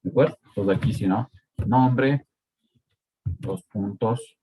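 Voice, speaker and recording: The audio is poor, and the man's voice sits on the low side, dark and a little rough. A university lecturer with an Ecuadorian Spanish accent, he works slowly through a live coding lesson, repeatedly asking "¿sí?" and "¿de acuerdo?" to see if students follow.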